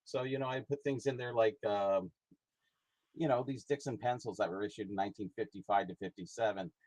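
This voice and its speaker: A middle-aged man with a slightly low, husky voice talks in loose, rambling sentences full of "uh" and restarts. The sound is dry and close, with no room around it. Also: a little fast, a little mellow, no room sound, low-quality recording. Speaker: guest, hobby historian and price guide author. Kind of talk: casual conversation.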